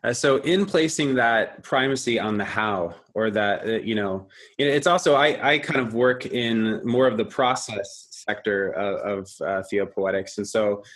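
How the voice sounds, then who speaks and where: A man's voice: on the low side, a little slow, few pauses, fairly bright tone. A man hosting a talk, asking a long question with many restarts and fillers. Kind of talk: interview question.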